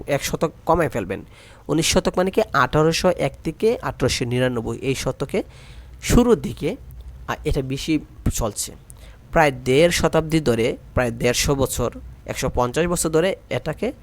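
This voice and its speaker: A young man teaches an exam-prep grammar lesson. He explains each point step by step, repeating the key terms. His voice sits at an ordinary middle pitch.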